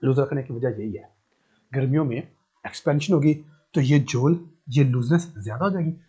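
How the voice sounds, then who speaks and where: Muffled, dark-voiced male physics teacher. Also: mid-range voice, normal speed, husky. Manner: explains step by step, repeats key terms and asks rhetorical questions. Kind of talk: classroom lecture.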